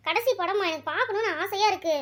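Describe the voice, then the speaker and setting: A squeaky, breathlessly fast little schoolgirl in a cartoon, forever whining and pleading, played by a woman. Her high voice wheedles over and over for what she wants. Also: fairly bright tone. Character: whiny young schoolgirl daughter, pleading. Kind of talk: cartoon voice acting.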